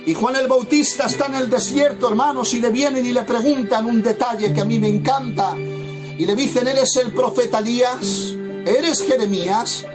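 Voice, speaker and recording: A pastor from preaches in a high, ringing voice. He delivers his sermon fervently and leans on repeated phrases for emphasis. A plucked guitar plays clearly underneath him. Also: steady tone, moderate pace. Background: soft guitar music.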